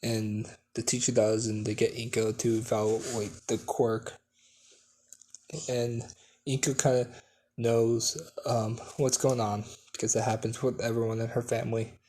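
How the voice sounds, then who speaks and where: A man's voice: medium pitch, flat delivery, unhurried, warm tone, slight background noise. A man improvising a fan story at home, hesitant, with many fillers and restarts.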